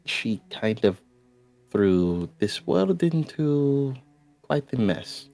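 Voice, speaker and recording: A man's voice: medium pitch, big pitch swings, extremely slow, creaky, warm tone, soft background music. A man playing a tabletop role-playing game, chatting casually and replying in character. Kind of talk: casual chat and in-character replies.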